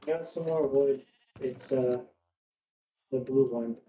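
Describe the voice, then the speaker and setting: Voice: mid-range voice, slow pace, warm tone. A streamer chatting casually during a game with a friend, laughing often, with a robotic distortion on the voice. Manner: chatty, laughs often, fusses over tech trouble. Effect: robotic voice-chat distortion. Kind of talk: casual gaming chat.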